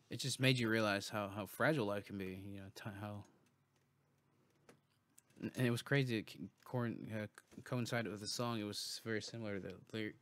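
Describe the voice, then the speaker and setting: Casual man musing on a livestream. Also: lowish voice. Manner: loose and musing, many restarts, swears casually. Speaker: livestream host. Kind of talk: casual rambling monologue.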